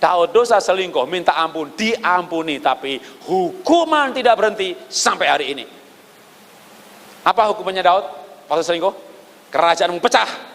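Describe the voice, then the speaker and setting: Animated Indonesian preacher in a reverberant hall. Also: male voice, normal speed. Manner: animated, rhetorical questions, drops low for emphasis. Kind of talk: sermon.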